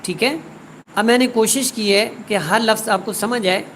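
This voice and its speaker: A woman teaching a word-by-word Quran tajweed lesson. She recites each word slowly and drawn out, then explains quickly. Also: medium pitch, a little hiss or hum, rough recording.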